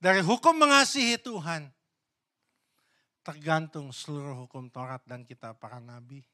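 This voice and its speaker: High bright-voiced preacher, emphatic and hushed by turns. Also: male voice, normal speed. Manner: swings between loud emphatic questions and hushed low asides. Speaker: pastor. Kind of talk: sermon. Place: church.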